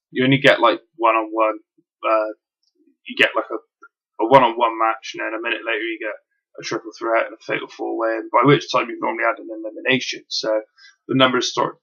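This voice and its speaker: A man's voice: medium pitch, sharp tone, muffled recording. A man casually reviewing wrestling, rambling with lots of ums and the odd swear word.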